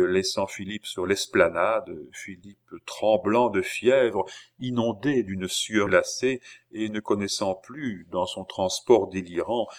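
Man narrating a classic novel. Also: on the low side. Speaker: audiobook narrator. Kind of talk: scripted narration.

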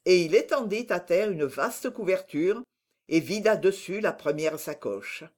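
An audiobook narrator reading a classic adventure novel with slow, expressive storytelling. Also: mid-range voice.

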